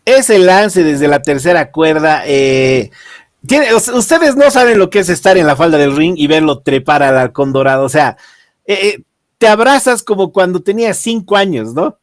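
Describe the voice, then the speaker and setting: A man with a Bolivian accent hosting a casual wrestling commentary, reviewing matches in a jokey, halting way. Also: sits high, dry recording, studio quality. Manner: animated, jokey, swearing, halting repetitions. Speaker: wrestling show host.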